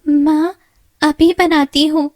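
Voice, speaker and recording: A woman voicing a gentle, mistreated young girl in a cartoon story, speaking meekly and tearfully. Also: high voice, little pitch movement, takes it slowly, no echo, voice pushed up. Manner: meek, tearful, pleading.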